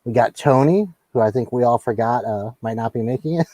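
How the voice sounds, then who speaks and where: A man's voice: mid-range voice, brisk, mellow, dry recording, poor audio. A man hosting a live comics talk show in casual chat, easygoing and tending to repeat his words as he talks. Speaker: host.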